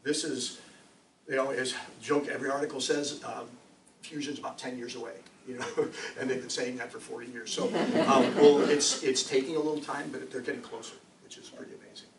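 A man's voice: medium pitch, steady tone, brisk. A man, a science teacher, giving a casual, jokey lecture with many ums and rhetorical questions. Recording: roomy echo, distant mic, faint noise.

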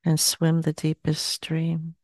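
A seance medium in trance, voiced by a woman in her sixties, utters short phrases in a solemn, flat pitch with extended pauses in between. The sound is close and dry through a headset, and the setting is a small, dim indoor room.

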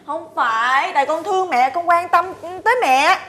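Dramatic daughter-in-law, very high voice, roomy recording. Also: female voice, normal speed, pushed and bright. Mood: fussy. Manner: whiny, dramatic, prying questions. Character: fussy, nosy young daughter-in-law, dramatic. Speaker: daughter-in-law in a TV comedy sketch. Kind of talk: TV sitcom acting.

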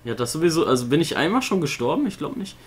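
A man's voice: fairly high pitch, very animated, rapid-fire, husky. A man co-hosting a casual let's-play, chatty and laughing easily as he banters over the game. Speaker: gaming co-host.

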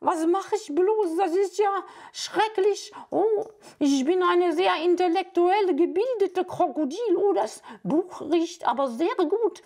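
A woman's voice: very high-pitched, lively intonation, slow, a little mellow, voice pushed up, exaggerated voice. A woman puppeteer voicing a silly crocodile who whines, speaks in broken grammar and loves eating books. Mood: whiny. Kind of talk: Bavarian puppet show.

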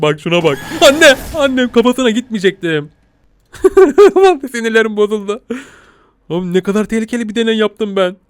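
Panicky, excitable young man gaming. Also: on the high side, no echo. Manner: panicky, shouting in mock fear, laughing. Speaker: gaming YouTuber. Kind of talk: excitable gameplay commentary.

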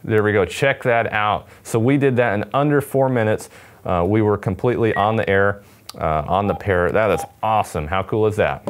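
At a table on an indoor studio set, a man in his twenties demos products for a radio company to camera, keeping it casual and upbeat. He has a fairly low voice at a normal speed, with a little hiss or hum and some background music.

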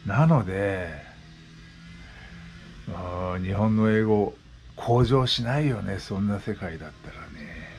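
A man in his sixties speaks in a relaxed, chatty vlog monologue. His voice sits a bit low, and he explains things by repeating simple examples. A faint background ambience runs under the recording. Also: takes it slowly, pauses often, a little hiss or hum. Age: 60s. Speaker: vlogger. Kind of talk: casual monologue. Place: West Oahu, Hawaii.

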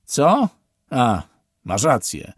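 A man voicing a foul-mouthed, bullying military intelligence officer who shouts threats in an irritating voice. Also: fairly low pitch, sing-song, fairly quick, vocal fry, husky, no room sound, clean studio sound, heavily acted. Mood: gruff. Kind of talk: audiobook character voice.

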